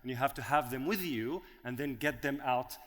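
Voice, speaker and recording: A man's voice: medium pitch, moderate pace. Chatty male event host in a hall. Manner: relaxed, chatty, building to announcer hype. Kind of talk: casual stage hosting. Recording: long hall reverb.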